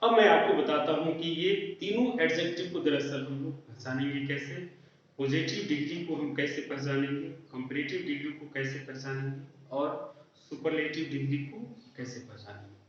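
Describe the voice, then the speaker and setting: A man teaches a grammar class at a board, asking his students questions and answering them himself. His voice sits a little high and is heard from across a very echoey room. The recording is dull and lo-fi. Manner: explains slowly, asks and answers his own questions. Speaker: English teacher. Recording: roomy echo, distant lo-fi mic.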